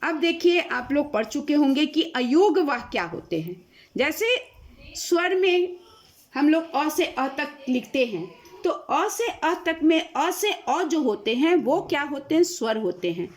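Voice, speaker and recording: A woman teacher talks through a grammar lesson at a slow, careful pace. Her voice sits a bit high and moves a lot in pitch. She keeps asking a question and then answering it herself. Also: animated. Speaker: school teacher.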